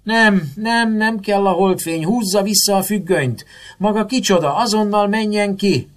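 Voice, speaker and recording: A husky-voiced man reading a novel aloud, voicing a frightened hysterical woman patient who shrieks and pleads in the dark. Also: mid-range voice, lively intonation, lightly acted. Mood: shrieking hysterical. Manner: shrieking, panicked, whimpering.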